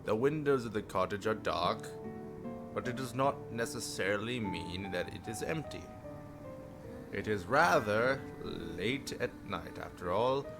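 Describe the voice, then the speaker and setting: A man with a lowish voice talks in an animated way at a measured pace. On his livestream he reads a visual novel out loud with humorous comments and the odd stumble, backed by music.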